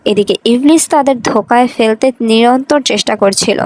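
A woman reading a scripted religious story in a measured, earnest storytelling manner. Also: a little high, a little mellow, no echo, poor audio.

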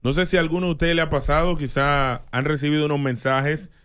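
A Dominican man hosting a radio show, telling a story in an animated, casual way and reading posts aloud. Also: a little high, fast talker, clean tone. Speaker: radio host. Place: radio studio.

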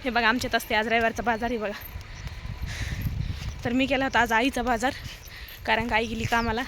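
A woman with a Marathwada Marathi accent keeps up a stream of teasing, scolding banter for her vlog, worn out from lugging a heavy bag. Her voice sits high and the words tumble out quickly. Traffic and street noise from the outdoor road come through clearly on the phone mic. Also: little pitch movement. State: tired from carrying a heavy bag. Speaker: vlogger. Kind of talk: casual vlog chat while walking. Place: outdoors on a road on market day. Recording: noisy outdoor street recording.

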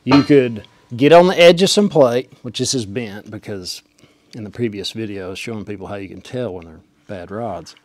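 A man's voice: mid-range voice, darkish tone. A man in his forties teaching welding in a small indoor workshop, talking in a folksy, emphatic way and demonstrating as he goes, on a lapel mic. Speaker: welding instructor. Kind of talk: hands-on how-to demonstration. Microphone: clip-on lapel mic.

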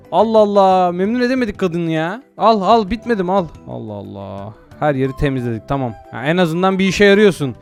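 A man hosting a virtual reality game video, commenting excitably with loud mock outrage and casual swearing. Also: high-pitched. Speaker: gaming channel host.

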